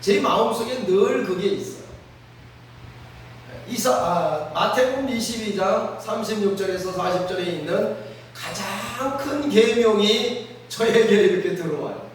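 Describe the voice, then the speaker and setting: A man's voice: high voice, unhurried, a little hiss or hum. A man preaching a sermon as pastor, earnest and often prompting listeners with rhetorical questions. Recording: very echoey room, mic at a distance.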